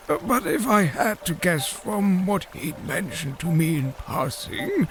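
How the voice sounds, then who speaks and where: In an audio drama, an actor gives a heavily acted performance as an elderly, long-winded fish-man scholar, telling his story in a halting, formal way. His gravelly voice sits high in pitch, and the low-quality recording carries a little hiss or hum.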